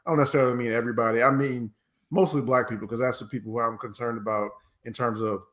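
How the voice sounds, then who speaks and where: A man's voice: medium pitch, fairly even intonation, quick pace, fairly bright tone. A man with an American accent giving opinions as a panelist in a casual political podcast discussion, argumentative and sometimes swearing.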